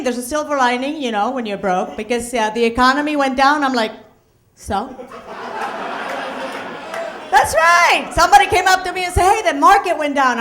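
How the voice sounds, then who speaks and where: On a comedy club stage, a middle-aged Puerto Rican woman with a Puerto Rican accent performs stand-up with punchy delivery and Spanish asides. Her voice sits high and is a bit bright.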